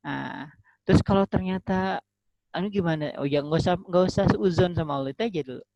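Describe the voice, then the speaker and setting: Lively preacher man on a dull call line. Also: high-pitched, creaky, no room sound. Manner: lively, acts out little dialogues in other voices; soft, drawn-out voice in prayers. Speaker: ustadz giving an online religious talk. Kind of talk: casual Islamic study talk. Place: home, talking over a video call. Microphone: computer or phone mic on a video call. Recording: dull, slightly lo-fi dry sound.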